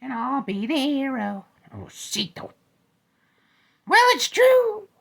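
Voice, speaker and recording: A man's voice: wildly swooping pitch, takes it slowly, vocal fry, a bit bright, slightly rough, full character voice. A man voicing a small, cocky, crude male teddy bear in an old-time radio style comedy. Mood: lewd, cocky. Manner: boastful, lewd, squealing high.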